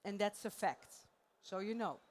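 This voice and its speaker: Speaking from a conference stage, a woman from the Netherlands gives a live talk in a Dutch accent, unhurried and mid-range in pitch. She's a playful, chatty presenter who laughs often.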